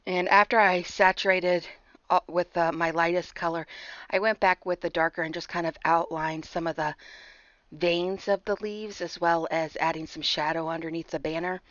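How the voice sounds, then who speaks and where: A woman narrating a card-making tutorial over her footage in a chatty way. She sounds a bit hoarse, clears her throat, and talks through each step with fillers and apologies. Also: fairly low pitch, steady tone, moderate pace, fairly bright tone, no echo, muffled recording.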